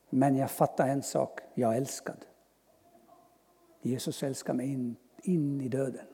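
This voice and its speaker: A man giving an earnest personal testimony as a preacher, speaking slowly with long pauses and sudden soft drops. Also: on the high side, creaky, husky. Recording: long hall reverb.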